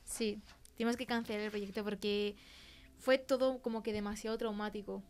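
Playing a shaken young woman from a film crew, an actress tells an eerie story in colloquial Castilian Spanish as part of a conversational interview in an audio fiction podcast. Her manner is chatty and teasing, her mood uneasy and candid. The medium-pitched voice is darkish and smooth, steady in tone, at a moderate pace, and close to everyday speech.

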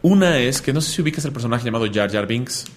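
Joking radio host, chatty. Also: male voice, mid-range voice, animated, fast talker. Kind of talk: casual radio chat.

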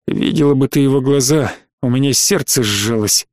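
A man's voice: mid-range voice, moderate pace, no room sound, clean studio sound, close to an everyday voice. A man voicing a stern, weary middle-aged space colonel who speaks in a clipped, commanding way, for an audiobook.

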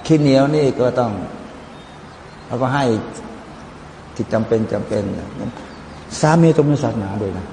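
A man giving a lively Quran commentary sermon, explaining verses, chanting Arabic passages and joking with his listeners. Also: mid-range voice, normal speed, pauses often. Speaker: Islamic preacher. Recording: echoey hall with faint background noise.

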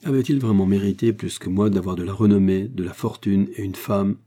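A man's voice: on the low side, steady tone, a little fast, dark tone, natural voice. A man reading aloud, voicing a bored, hot-tempered retired sea captain who bursts into angry outcries. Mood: bitter.

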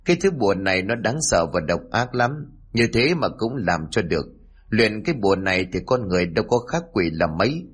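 Người đàn ông đóng ông hàng xóm nhiều chuyện. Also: male voice, lowish voice, sing-song, fairly quick, breathy edge. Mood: insinuating. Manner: insinuating, whispering gossip. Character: gossiping older male villager, sly.

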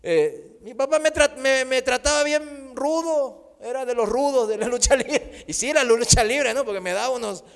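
A man's voice: extremely high pitch, normal speed, creaky, hardly any pauses. A middle-aged man, preaching a sermon emphatically and mixing in humorous stories about his own life. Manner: emphatic, with humorous personal anecdotes. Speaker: pastor. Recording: long hall reverb.

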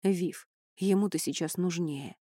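A woman's voice: lowish voice, a little slow, dark tone, no room sound. A woman narrator voicing a confident young man with dragon blood, speaking bluntly and firmly, recorded dry and close. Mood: firm, brisk. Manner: blunt, commanding.

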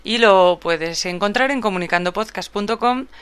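A woman co-hosts a podcast with a bright, crisp voice. Her turns are calm and matter-of-fact, and her tone is very smooth and clear. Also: mid-range voice, normal speed. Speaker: podcast co-host. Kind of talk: casual podcast chat.

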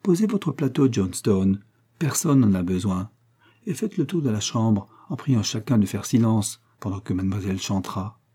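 A man's voice: fairly low pitch, lively intonation, moderate pace, warm tone, breathy edge. A man voicing an elderly aristocratic lady who is effusive and commanding. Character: elderly aristocratic lady, warm, imperious, impulsive.

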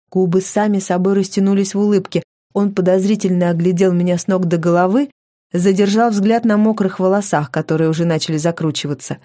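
A woman narrating a fantasy novel in the first person, in a wry, lively storytelling manner. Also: mid-range voice, no room sound, clean studio sound. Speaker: audiobook reader.

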